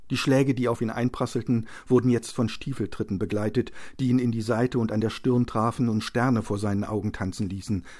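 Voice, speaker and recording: A man reading a novel aloud as an audiobook narrator, with steady, tense storytelling. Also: medium pitch, a little fast, few pauses. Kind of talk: scripted narration.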